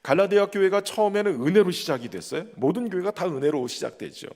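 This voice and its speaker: Male pastor, high-pitched, emphatic sermon delivery, recorded in a reverberant church sanctuary. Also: animated, quick pace, darkish tone. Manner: earnest, emphatic preaching that often addresses the congregation directly.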